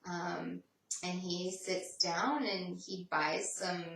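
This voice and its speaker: A woman with a lowish voice answers viewer questions in a relaxed, chatty way, dropping plenty of "um"s as she thinks. She sounds a little distant from the mic, and her voice rings around a roomy, echoey space. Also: extremely slow, creaky. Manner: relaxed, chatty, frequent "um" fillers. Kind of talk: casual Q&A chat.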